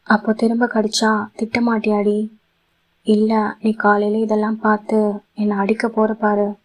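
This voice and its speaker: A woman voicing a loving young husband in a romantic audio story, gentle and coaxing. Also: mid-range voice, monotone, measured pace, lightly acted, low-quality recording. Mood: teasing.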